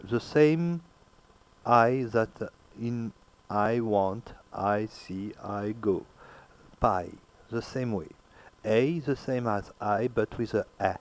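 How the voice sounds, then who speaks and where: A man teaching pronunciation very slowly, in a fairly low voice. He repeats example words and pauses often between them. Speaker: language teacher. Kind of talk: pronunciation lesson.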